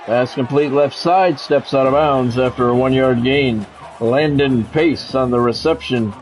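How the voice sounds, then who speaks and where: At a measured pace and medium pitch, a middle-aged gamer does radio-style play-by-play for a football video game, with a bit of noise in the background. He speaks in short, clipped phrases sprinkled with casual asides.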